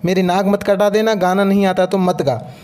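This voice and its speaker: Man doing a sharp-tongued older mother-in-law, scolding and taunting, high voice, storybook reading. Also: flat delivery, moderate pace, natural voice. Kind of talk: storybook narration.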